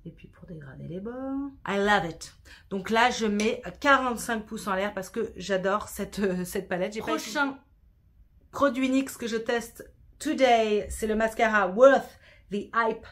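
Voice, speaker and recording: A woman's voice: medium pitch, expressive, moderate pace, a bit bright. A woman chatting through a makeup tutorial in a casual, self-deprecating way, sprinkling in English words. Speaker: beauty vlogger.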